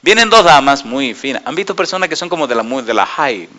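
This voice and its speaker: Man, pastor, sermon, bright tone, lively, quizzes the congregation. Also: mid-range voice, a little fast. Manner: lively preacher, asks the audience yes-or-no questions, acts out dialogue. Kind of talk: sermon with anecdotes.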